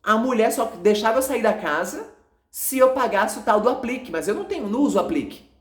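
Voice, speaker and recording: A man with a Brazilian accent who runs an evangelical channel, recounting a dream to his followers in an agitated, halting, repetitive way. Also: sits high, lively intonation, fairly bright tone, roomy sound. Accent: Brazilian Portuguese.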